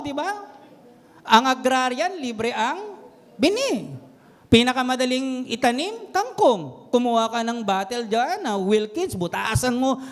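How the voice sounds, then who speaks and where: A man preaching a sermon to a congregation, animated and mixing English phrases in, often putting questions to his listeners. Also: extremely high pitch. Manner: animated, mixes English into Tagalog, quizzes the congregation. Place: church hall. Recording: long hall reverb.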